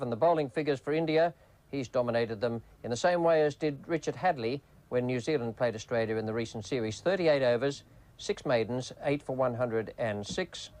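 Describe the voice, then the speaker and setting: A man's voice: medium pitch, darkish tone. A man giving cricket commentary and summing up play in a broadcast. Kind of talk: live sports commentary and summary. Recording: archive cricket broadcast over crowd noise. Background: stadium crowd.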